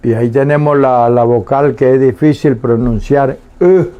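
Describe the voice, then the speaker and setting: A man teaching a language lesson on the radio, saying each word slowly and repeating it twice with pauses. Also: medium pitch, clear, resonant tone, narrow, tinny audio. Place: radio studio.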